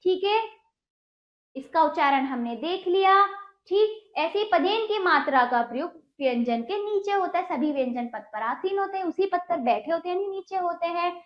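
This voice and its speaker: Patient woman teacher with a high voice, on a muffled lo-fi recording. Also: animated, moderate pace, reverberant. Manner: patient, asks pupils questions and answers them. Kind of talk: children's Hindi lesson.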